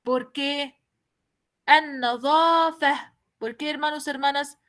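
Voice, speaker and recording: A woman's voice: high voice, takes it slowly, bright, forceful tone. A woman teaching a language class, explaining patiently, repeating each point and asking her students questions. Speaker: Arabic teacher.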